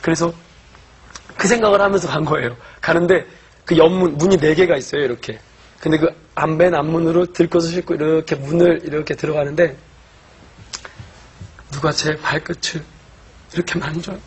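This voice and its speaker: High-voiced man giving an emotional testimony. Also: fairly even intonation, moderate pace, pauses often, rough recording. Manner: earnest, emotional storytelling, swings from hushed to loud. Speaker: church deacon giving testimony.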